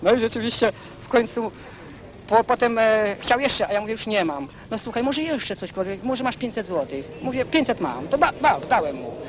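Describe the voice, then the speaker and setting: A man's voice: high-pitched, very animated, moderate pace, crowd noise. A man in a 1970s newsreel recording gives a rambling spoken account as an interviewee, often saying "prawda" and restarting his sentences. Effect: 1970s newsreel sound recording.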